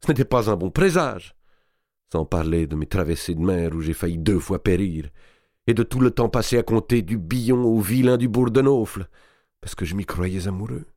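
A man's voice: lowish voice, expressive, normal speed, warm tone, no room sound, studio quality, natural voice. Man doing a hot-tempered young Italian man. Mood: rueful. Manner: impetuous, rising to anger.

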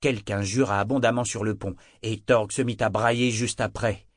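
A man narrates a fantasy novel in a low, even voice. The reading is measured and steady. The recording is dry and close, with no room sound. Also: no room sound. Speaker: audiobook narrator.

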